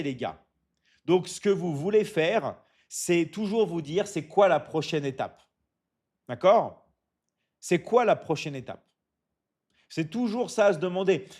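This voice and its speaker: Male live-stream host, slightly high-pitched, motivational coach tone, repetitive and halting. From Michigan. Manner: repeats "d'accord?" often, stumbles and restarts, coaching tone; reads out viewer comments and answers them. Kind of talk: casual live stream chat.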